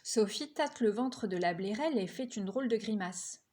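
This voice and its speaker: Brief: female reader, lively children's storytelling, raises pitch for dialogue. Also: moderate pace. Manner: lively, voices characters' quotes higher. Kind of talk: reading a children's novel aloud.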